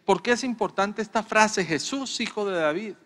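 A man's voice: high voice, normal speed, fairly bright tone, big-room sound. A man preaching a sermon as a pastor, from Colombia, stressing points by repeating his lines. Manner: emphatic preaching with repeated refrains. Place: church.

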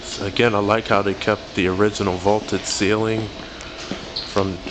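A man's voice: on the low side, level tone. An American man casually narrating a walking tour of a large department store, speaking offhand into a handheld camera. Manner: offhand, unhurried commentary while walking. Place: large indoor department store in a shopping mall. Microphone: handheld camera microphone. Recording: loud air-conditioning hum and store noise.

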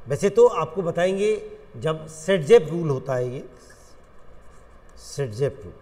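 A man with an Indian accent, teaching a chemistry lecture in an animated, coaxing way and addressing students as friends. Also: on the high side, takes it slowly, long reverb tail. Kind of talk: classroom lecture.

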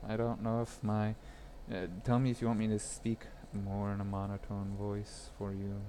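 While working on a phone repair at his bench, a young man chats and rambles with his live-stream audience, laughing as he goes. His voice is on the low side and dark, with a completely flat delivery at normal speed, plus a little hiss or hum.

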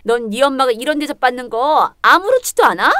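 A cold, scolding mother-in-law with a high, sharp voice, as a woman puts her on. She belittles and nags in a dramatized story reading, recorded dry and close. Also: lively intonation, fairly quick, no echo. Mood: complaining. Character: harsh, scornful older Korean mother-in-law.

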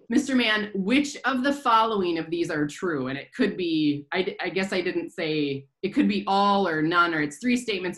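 A woman's voice: fairly low pitch, fairly bright tone, rough recording. A woman hosting a casual staff quiz, reading questions and often breaking into laughter. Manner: giggly, keeps breaking into laughter. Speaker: quiz host on a staff podcast.

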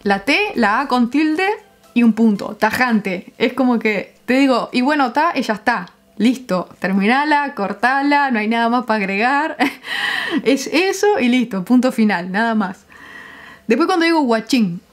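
Woman, Uruguayan accent, young adult, casual vlog, chatty, slightly high voice. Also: lively intonation, normal speed, faint music behind. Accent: Uruguayan Spanish. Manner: chatty, laughs often, searches for words. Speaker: vlogger. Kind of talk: casual vlog explaining slang.

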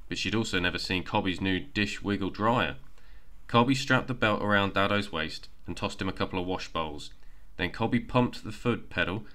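A man narrating a bedtime storybook in a gentle, even reading voice. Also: low voice.

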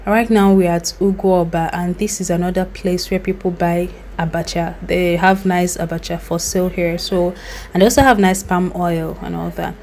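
A woman's voice: lowish voice, steady tone, moderate pace, darkish tone, slight background noise. A young Nigerian woman narrating her road trip in a chatty, recommending voice-over with loose asides. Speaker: vlogger. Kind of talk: travel vlog voice-over.

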